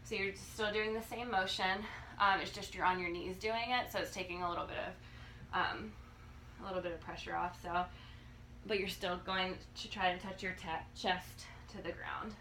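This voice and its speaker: A woman in her thirties giving a casual, halting exercise demonstration as a fitness coach, often checking in as she instructs. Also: on the low side, steady tone, bright, forceful tone. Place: living room, indoors. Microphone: phone or camera a few feet away. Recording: noisy home video, phone mic.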